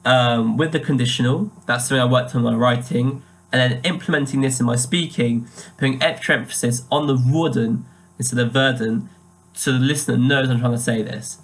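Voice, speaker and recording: A young man reflects on his coursework into a webcam, his voice sitting at an ordinary middle pitch. He speaks haltingly, with plenty of ums and restarts, and slows right down whenever he sounds out a German word. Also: steady tone, a bit bright. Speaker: language student.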